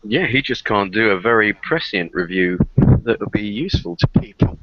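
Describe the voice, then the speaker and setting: A man's voice: on the low side, animated, moderate pace, highs cut off, background noise. A man co-hosting a podcast, musing wryly in casual chat. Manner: wry, musing.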